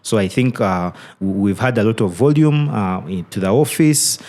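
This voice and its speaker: A man speaking as a guest trading educator on a podcast, thoughtful and halting, with many "you know"s. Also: on the low side, expressive, darkish tone. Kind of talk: casual podcast interview.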